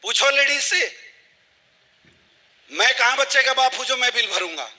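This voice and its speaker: A man's voice: very high-pitched, animated, measured pace, sharp tone, big-room sound, exaggerated voice. A man voicing a flustered young married man who indignantly protests a false accusation, inside a motivational story.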